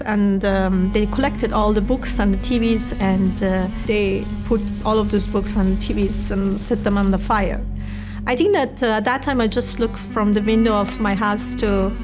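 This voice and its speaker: A middle-aged woman with an Afghan accent, speaking non-native English in a documentary interview, pausing often with fillers. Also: medium pitch. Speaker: tech entrepreneur interviewee.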